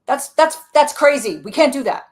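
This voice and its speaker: A woman's voice: high-pitched, lively intonation, normal speed, a little mellow, voice pushed up. A woman voicing an anxious, scolding inner manager part that insists and pushes back hard. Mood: alarmed.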